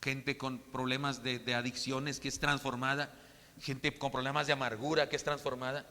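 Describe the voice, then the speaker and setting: Preacher in a reverberant church. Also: male voice, medium pitch, flat delivery, moderate pace. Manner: emphatic, swinging between loud stresses and soft storytelling. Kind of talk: sermon. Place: church sanctuary.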